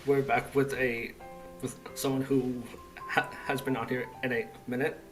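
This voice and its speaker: A man hosting a podcast in a relaxed, casual way, often stumbling over his words, over a video call. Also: mid-range voice, normal speed, soft background music, poor audio. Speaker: podcast host.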